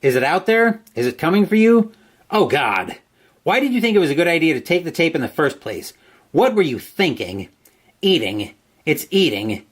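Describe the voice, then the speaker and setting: A man hosting a solo tabletop horror game, reading the gamebook aloud. His voice sits a bit high and swings widely in pitch as he builds tension. He breaks off into casual asides while rolling dice. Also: big pitch swings, normal speed. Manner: dramatic narration, asides on dice rolls. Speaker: host playing a solo gamebook.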